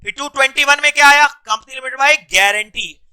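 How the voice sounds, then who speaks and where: A man teaching a class, drilling students with quick repeated questions and mixing English terms into his Hindi. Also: very high voice, sharp tone. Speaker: commerce law teacher. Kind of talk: classroom lecture.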